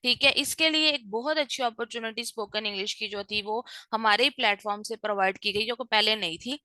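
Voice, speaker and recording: A woman's voice: a little high, brisk, bright, forceful tone, no room sound, low-quality recording. A woman teaching an online course in a direct, encouraging way. She switches freely between Hindi-Urdu and English and acts out sample phone calls to explain. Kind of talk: recorded lecture mixing Hindi-Urdu and English.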